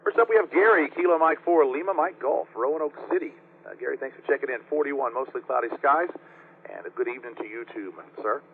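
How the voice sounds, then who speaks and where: A man's voice: medium pitch, fairly quick, husky, dry recording. A man acting as net control on an amateur radio net, courteously taking check-ins and spelling out call signs phonetically over the radio. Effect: radio transmission. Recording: tinny narrow-band radio, faint noise.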